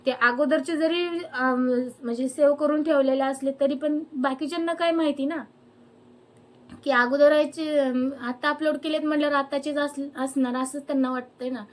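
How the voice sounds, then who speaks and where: A woman's voice: high voice, fairly even intonation, normal speed. A young woman ranting angrily to camera, firing off indignant rhetorical questions. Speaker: vlogger. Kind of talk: angry personal rant to camera.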